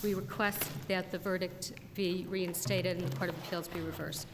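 Woman, attorney, formal courtroom argument, medium pitch, reverberant room, slight noise. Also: fairly even intonation, moderate pace. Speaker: attorney giving rebuttal. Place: large courtroom. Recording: reverberant hall with faint noise.

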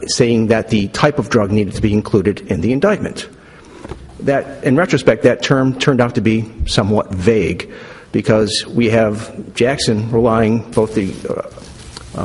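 A man's voice: medium pitch, darkish tone. Male appellate lawyer in a reverberant, noisy hall. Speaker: lawyer for the state arguing an appeal. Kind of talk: formal oral argument. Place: large indoor courtroom. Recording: reverberant courtroom, clearly audible noise.

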